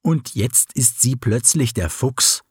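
A man's voice: medium pitch, lively intonation, takes it slowly, breathy edge, dry recording, studio quality, full character voice. A man voicing a scornful chorus of doubts in a storybook reading.

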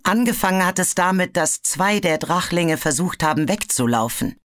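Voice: medium pitch, animated, moderate pace, fairly bright tone, dry recording, studio quality, voice pushed up, close to an everyday voice. A storybook narrator voicing a nervous male dragon who stammers and hesitates. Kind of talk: audiobook character voice.

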